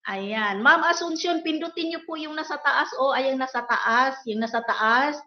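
A woman's voice: sits high, moderate pace. A woman hosting a casual livestream, politely reading out viewers' names and greetings in a chatty way. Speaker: livestream host. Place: indoors, worker's home abroad. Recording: echoey room, dull lo-fi sound.

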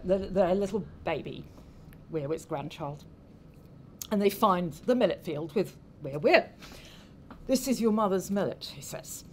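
A woman speaker retelling a folk tale in a talk, unhurried and halting, often restarting her phrases. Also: mid-range voice, darkish tone, slight background noise. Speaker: anthropology speaker.

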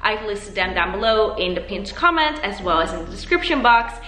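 A woman's voice: mid-range voice, big pitch swings, a little fast, pushed and bright. A woman fitness instructor guiding a home workout, out of breath, upbeat and reassuring. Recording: echoey room, voice from a distance. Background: background music.

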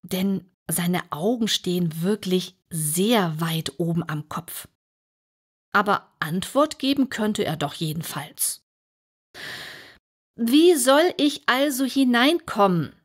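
A woman's voice: lowish voice, lively intonation, slow, husky, full character voice. A woman reading an audiobook aloud and voicing a curious young girl who grows more insistent and exasperated. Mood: pleading. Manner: pleading, increasingly insistent.

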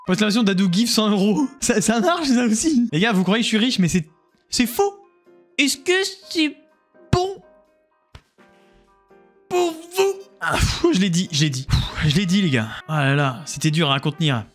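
Animated, high-voiced male streamer. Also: fairly quick, hardly any pauses, faint music behind. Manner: animated, joking, exclamatory, talks to chat. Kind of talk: casual live-stream gaming commentary.

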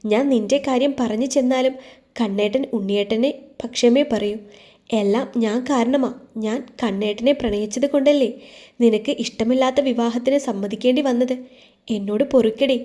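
A woman voices a young woman in a storybook, weighed down by guilt and close to tears. She pleads softly, her voice slightly high and warm. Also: normal speed, natural voice. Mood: pleading. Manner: pleading, soft.

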